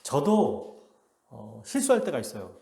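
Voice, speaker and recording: A male pastor preaching a sermon with animated delivery, acting out the quotes he reads. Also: mid-range voice, unhurried, creaky, reverberant. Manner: animated, acts out quotes in a lively voice. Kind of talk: expository sermon. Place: church sanctuary.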